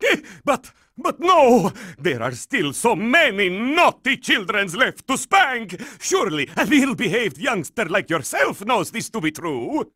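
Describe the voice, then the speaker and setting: A man's voice: high voice, very animated, a little slow, few pauses, breathy edge, no room sound, clean studio sound, heavily acted. A man voicing a melodramatic vampire count villain for a cartoon video game, theatrical and bombastic. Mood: impatient, commanding. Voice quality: bright, forceful, theatrical. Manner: melodramatic, bombastic, broken grammar.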